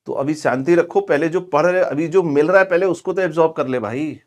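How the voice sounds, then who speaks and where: A man teaching English grammar in a chatty, scolding classroom lecture. He drags out example words slowly. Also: fairly high pitch. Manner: chatty and scolding, calls students "bhai" and "pagle".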